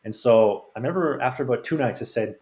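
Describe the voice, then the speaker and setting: A man guesting on a podcast rattles through his stories at a quick clip, restarting sentences as he goes. His voice sits at an ordinary middle pitch. The room around him rings with a noticeable echo. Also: a little mellow. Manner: rambling, frank anecdotes with many restarts. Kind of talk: casual storytelling. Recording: roomy echo.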